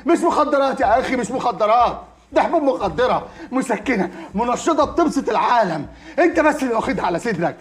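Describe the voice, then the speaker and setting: An actor playing a sly brother-in-law caught out over drugs, pleading and blustering in Egyptian Arabic. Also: male voice, very high voice, lively intonation, fast talker, hardly any pauses. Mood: wheedling. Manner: pleading, wheedling, then blustering. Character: sly male brother-in-law, drug dealer. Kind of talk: film drama acting.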